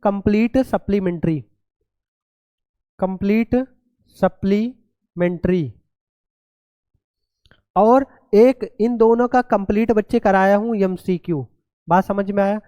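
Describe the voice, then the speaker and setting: A man's voice: sits high, moderate pace, dark tone, no echo. A male teacher giving an exam-prep grammar lesson, often calling his students "children" and spelling words letter by letter.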